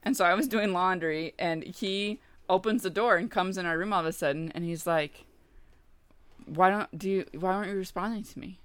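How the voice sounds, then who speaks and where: A woman's voice: on the low side, normal speed, dry recording. A woman in her thirties chatting casually, telling a story and acting out the quoted lines.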